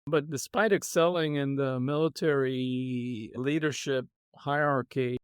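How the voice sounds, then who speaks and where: A middle-aged man, a podcast guest telling his life story in a reflective, measured way. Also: medium pitch, steady tone, smooth, no echo, clean studio sound. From Israel. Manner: reflective, measured, with soft laughs. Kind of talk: conversational storytelling.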